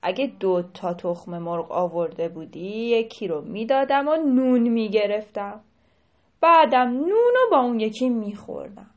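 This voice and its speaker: A woman doing loud, haggling Ali Gholi. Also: fairly high pitch, animated, close to an everyday voice. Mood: wishful. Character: greedy, scheming young man with a hen. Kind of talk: storytelling for children.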